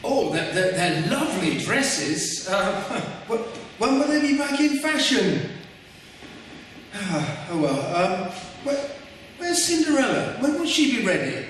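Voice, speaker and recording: A man acts a sad, henpecked baron in a pantomime. The voice is fairly high, meek and hesitant. It sounds distant, in a very echoey hall. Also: big pitch swings, slow pace, fairly bright tone, heavily acted. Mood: flustered. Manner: hesitant, faltering. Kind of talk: amateur stage pantomime acting. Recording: echoey hall from far off, faint noise.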